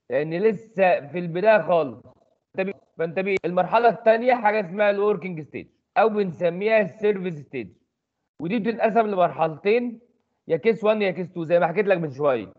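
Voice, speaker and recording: Fast-talking Egyptian man explaining. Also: high-pitched, lo-fi sound. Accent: Egyptian Arabic. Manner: quick, chatty explaining with rhetorical questions. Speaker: engineering tutor. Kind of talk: recorded section lecture.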